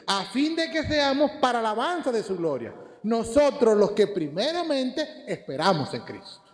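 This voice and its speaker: A high-voiced man with a Dominican Spanish accent preaches a sermon, his pitch swinging widely as he throws questions at the congregation. His voice rings out through a church hall with a long, lingering reverb. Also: normal speed. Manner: lively, rhetorical questions to the congregation.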